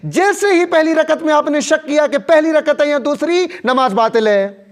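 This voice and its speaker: A male cleric delivering a sermon, firing rhetorical questions and slowing down to stress key points. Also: extremely high pitch, lively intonation. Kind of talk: Shia sermon.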